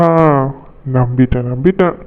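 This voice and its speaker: A man's voice: mid-range voice, moderate pace, lightly acted. A young man voicing a cartoon fiancé who teases and pleads playfully with his bride-to-be. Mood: coaxing. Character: teasing, doting young male fiancé. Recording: thin phone-like band.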